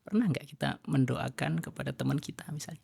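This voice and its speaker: A male religious teacher with a gravelly, husky voice talks through his ideas as a podcast guest. He explains in an animated way and often raises his voice. The sound is dry and close. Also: medium pitch, fairly quick, no echo. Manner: animated, acts out quoted dialogue in a raised voice. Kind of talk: podcast conversation.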